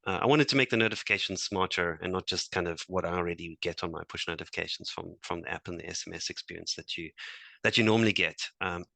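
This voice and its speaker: A man presenting a software demo to fellow engineers, talking hesitantly with many fillers and restarts. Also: sits low, fast, gravelly, dry recording. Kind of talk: technical demo talk.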